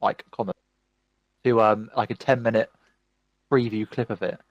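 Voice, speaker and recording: Animated man ranting about movies. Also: on the low side, normal speed, dry recording, lo-fi sound. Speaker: podcast host. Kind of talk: casual chat.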